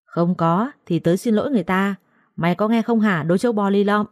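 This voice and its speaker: A woman voicing a harsh middle-aged mistress who shouts and scolds her servant girl. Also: mid-range voice, fast talker, dry recording, studio quality, lightly acted. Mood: furious scolding.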